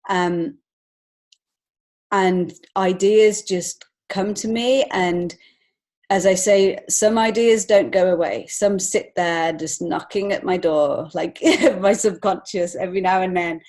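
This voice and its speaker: Speaking slowly and steadily in a low, darkish voice, a woman appears as an interview guest on a podcast. A children's author and illustrator, she sounds earnest and reflective, conversationally finding her way through each phrase.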